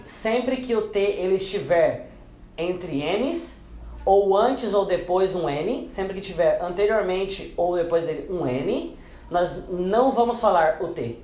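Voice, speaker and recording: High-voiced man teaching in an echoey room. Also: darkish tone. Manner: repeats example words, dropping lower for them. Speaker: English pronunciation teacher. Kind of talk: explanatory lesson.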